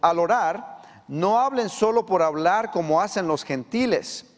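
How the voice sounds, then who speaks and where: A pastor delivering a sermon in a high, ringing voice that carries a long reverb through the church sanctuary. He preaches with animation and pushes his voice upward and louder to stress his points. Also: a little slow. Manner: animated preaching, voice climbs for emphasis.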